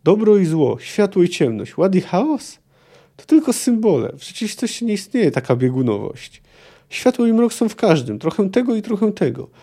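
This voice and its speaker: A man voicing a proud, defiant sorceress who dismisses mysticism, speaking emphatically in a gravelly raised voice. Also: sits high, big pitch swings, moderate pace, mellow, pitched above the performer's own voice, heavily acted. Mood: scornful.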